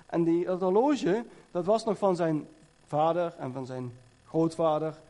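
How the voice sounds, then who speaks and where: Male preacher in a church, chatty storytelling sermon, lots of fillers, highish voice, mellow tone. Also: unhurried. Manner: conversational storytelling with many fillers.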